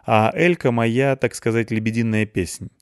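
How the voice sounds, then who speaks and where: A man's voice: mid-range voice, moderate pace, smooth, no echo, clean studio sound, lightly acted. A man voicing a blunt, dryly scolding older game developer in an audiobook.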